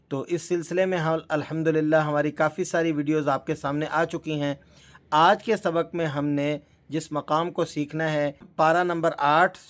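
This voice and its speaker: A man teaching Quran recitation step by step in Pakistani-accented Urdu, explaining patiently and drawing out the recited examples. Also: fairly high pitch.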